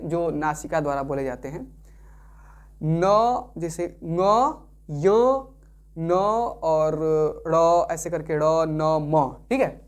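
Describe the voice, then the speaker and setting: A man teaching a Sanskrit lesson. He explains patiently, repeats himself and often checks that the listener is following. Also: sits high. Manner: repetitive, keeps checking understanding with tag questions.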